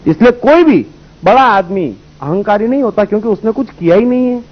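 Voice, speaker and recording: A man with a high voice gives a spiritual talk, explaining his points through folk stories and rhetorical questions. The sound is dull and lo-fi, like an old recording. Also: lively intonation, brisk. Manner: storytelling, rhetorical questions, voices characters in anecdotes. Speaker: spiritual speaker. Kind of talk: spiritual discourse with parables.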